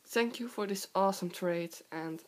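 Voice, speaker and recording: A young woman with a hoarse, sore-throat voice from a cold, chatting casually in a halting, giggly way as she hosts a show-and-tell vlog. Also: medium pitch. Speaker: video host. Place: indoor room with wooden floor. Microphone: handheld camera close by.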